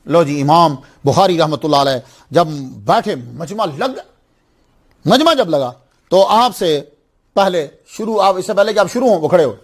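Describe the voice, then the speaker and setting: Animated high-voiced preacher man. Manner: animated, repeating phrases with exclamations. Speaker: religious preacher. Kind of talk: Islamic sermon storytelling.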